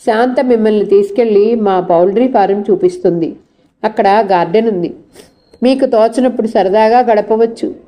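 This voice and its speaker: A woman's voice: mid-range voice, normal speed, mellow, lightly acted. A woman voicing a polite young man with a friendly, inviting way of talking, in a storybook reading. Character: polite young man, poultry farm owner.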